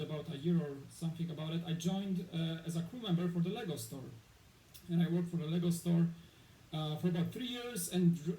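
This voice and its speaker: Slightly high-pitched and warm, the voice belongs to a thirty-something Polish man chatting as an interview guest. He meanders with lots of fillers and restarts, and faint noise hangs in the echoey space.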